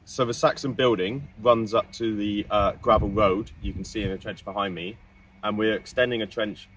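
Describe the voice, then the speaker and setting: A man's voice: on the low side, fairly even intonation, moderate pace, fairly bright tone. A man, an assistant trench supervisor, walking through the dig in an informed, methodical way. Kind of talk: explaining the dig to camera. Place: outdoor excavation trench. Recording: distant mic outdoors with background noise.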